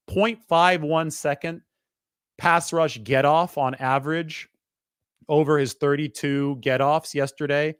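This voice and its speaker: A man's voice: medium pitch, no room sound. Male sports reporter, conversational stat breakdown, dry close sound. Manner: quick, stat-heavy, conversational. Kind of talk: sports analysis monologue.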